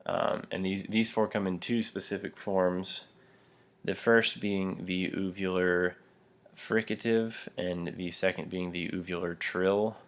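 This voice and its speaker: A man's voice: low voice, fairly even intonation, measured pace. A young adult man teaching a pronunciation lesson, explaining step by step with frequent fillers and small laughs while demonstrating throat sounds. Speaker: language teacher.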